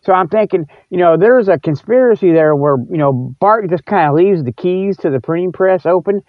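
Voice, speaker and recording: The host of this podcast talks a little fast in a high-pitched voice with no echo. His casual solo monologue rambles in a folksy, repetitive, stop-and-start fashion, captured on a narrow, phone-like recording.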